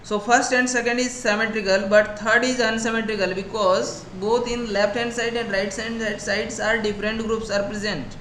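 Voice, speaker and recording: A man with an Indian English accent teaching a chemistry lesson, explaining slowly and often checking with a quick "right?". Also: sits high, bright, forceful tone. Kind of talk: recorded class lecture. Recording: echoey room, faint background noise.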